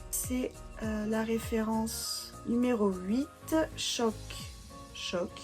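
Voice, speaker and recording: A woman's voice: on the high side, fairly even intonation, extremely slow, darkish tone, soft background music. Chatty young woman showing beauty buys. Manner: chatty, hesitant with many fillers, enthusiastic. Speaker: beauty vlogger. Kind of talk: casual haul video chat.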